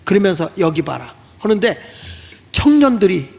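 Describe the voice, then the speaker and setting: A man's voice: sits high, moderate pace, creaky. A man preaching a sermon as a pastor, telling a story animatedly and acting out the voices of the people in it. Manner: animated, acts out quoted voices. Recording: long hall reverb.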